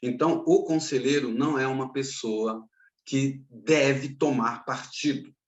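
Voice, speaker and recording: A man's voice: mid-range voice, steady tone, measured pace, reverberant, highs cut off. A man giving a recorded lecture on pastoral counseling, teaching earnestly and repeating his key advice.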